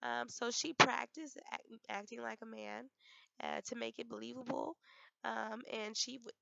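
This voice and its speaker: A young woman, hoarse from a cold, giving a class presentation with frequent ums and restarts. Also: a little high, animated, fairly bright tone, no room sound, highs cut off. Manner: halting, many ums and restarts. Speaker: student presenter.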